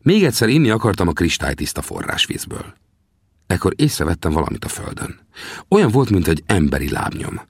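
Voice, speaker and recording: A man giving scripted audiobook narration in a lively storytelling manner. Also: deep voice, husky, dry recording, clean studio sound.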